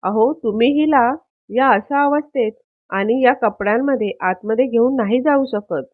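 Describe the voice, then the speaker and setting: A woman's voice: on the high side, moderate pace, dry recording, lightly acted. A woman reading the lines of a disapproving man who lectures his host. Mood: reproachful. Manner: reproachful, lecturing speech. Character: disapproving middle-aged male guest. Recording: tinny phone-like audio.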